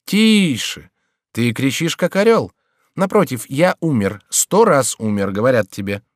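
A man's voice: medium pitch, very animated, measured pace, dry recording, studio quality, pitched above the performer's own voice. A man voicing a sardonic male court jester who teases and scolds a king in an audiobook. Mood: mocking.

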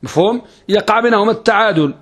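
A man teaches a grammar class in a fairly high voice. He explains step by step, often asking a question and then answering it himself. He repeats key phrases for emphasis. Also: fast talker, a bit bright, husky. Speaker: Islamic scholar teaching Arabic grammar. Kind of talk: classroom lecture.

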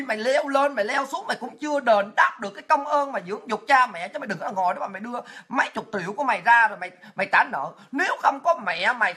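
Southern vietnamese woman ranting online, angry and cursing a lot, husky bright voice. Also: fairly high pitch. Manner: angry, profane, repetitive rant. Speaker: political commentator.

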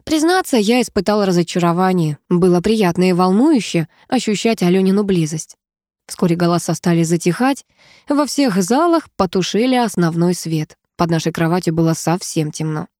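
A woman reading a story aloud in a lively, expressive manner. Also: lowish voice, moderate pace, dry recording, studio quality. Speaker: audiobook narrator. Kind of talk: scripted narration.

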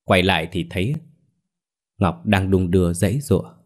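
A man narrating a ghost story in a steady, dramatic way. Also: deep voice, normal speed.

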